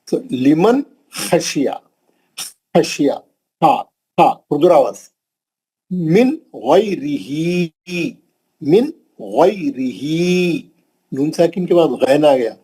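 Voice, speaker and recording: A man from India with a Hyderabadi accent teaches Quran recitation rules in a classroom lesson, patiently repeating each example and drilling pronunciation. His voice is fairly high and mellow with a breathy edge, and the audio is poor.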